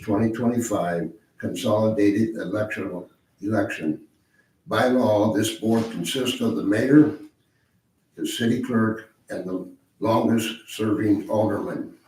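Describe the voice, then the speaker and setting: Male meeting chair, hoarse and raspy, low pitch, formal procedural delivery, distant echoey room mic. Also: darkish tone. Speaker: mayor chairing an electoral board meeting. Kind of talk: formal meeting procedure, reading prepared remarks. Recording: roomy, distant mic, faint noise.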